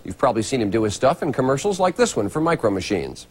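A man's voice: mid-range voice, very animated, quick pace, a little hiss or hum. A man with an American accent presenting and interviewing as a morning news show host.

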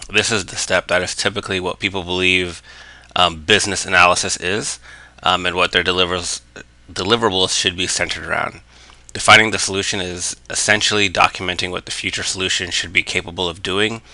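A man's voice: low voice, bright, forceful tone, no room sound. A man narrating a drawn explainer lesson, talking steadily with many "um" fillers. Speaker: business analysis educator.

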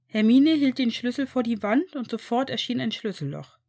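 A woman narrating a story at an even, steady pace. Her audiobook reading stays plain and level throughout. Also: fairly high pitch, normal speed. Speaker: fan fiction reader.

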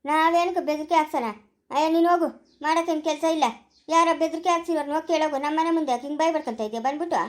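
A woman playing a squeaky quick scolding village wife. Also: fairly even intonation, natural voice. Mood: bickering. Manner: scolding, bickering. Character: quarrelsome sharp-tongued village woman. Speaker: family skit actor. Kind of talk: village family skit acting.

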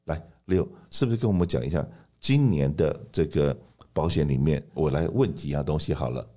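A man with an extremely low, mellow voice presents a radio talk segment. He explains in an emphatic way, repeating points and putting rhetorical questions to listeners. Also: animated, fairly quick. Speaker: radio host and insurance agent.

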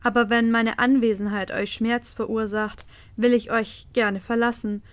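A woman reading a storybook voices a male magic mirror spirit bound by an oath, speaking slowly and formally. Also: on the high side, level tone, no room sound, lightly acted. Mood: solemn. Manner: slow, measured and formal.

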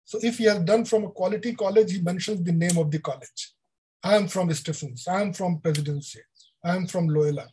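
An older man with an Indian English accent giving an online lecture over a video call, explaining deliberately with frequent fillers. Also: sits high, dark tone, breathy edge, low-quality recording. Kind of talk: online lecture on education policy.

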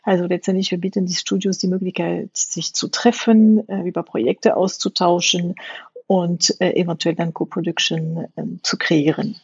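A woman's voice: fairly low pitch, steady tone, moderate pace, creaky, a little mellow, slightly rough, no room sound, lo-fi sound. A middle-aged woman from France with a French accent, a games industry guest in an interview, speaking hesitantly with many fillers.

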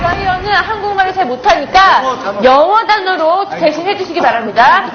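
A woman's voice: very high-pitched, lively intonation, a little fast. Woman, game show co-host, swooping intonation, crowd behind, muffled noisy TV recording. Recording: dull roomy TV audio, crowd noise.

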